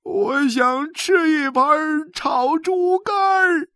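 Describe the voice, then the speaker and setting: A woman voicing a heartbroken old man who weeps and wails through slow, drawn-out words. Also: sits high, dry recording, studio quality, voice pushed up. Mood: wailing grief. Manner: sobbing, drawn-out wailing speech. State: crying. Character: old male blood seller, weeping and heartbroken.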